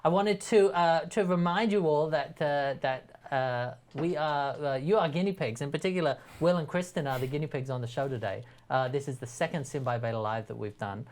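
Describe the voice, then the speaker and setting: A man's voice: fairly high pitch, brisk, few pauses. A man hosting a live web show, upbeat but stumbling over his words as he announces news and introduces guests. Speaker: host.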